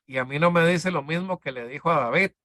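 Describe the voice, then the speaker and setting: A man leading a Bible discipleship class, talking in a halting, conversational way with many fillers and restarts. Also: fairly high pitch, sharp tone, no echo, clean studio sound. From Costa Rica. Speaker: discipleship teacher.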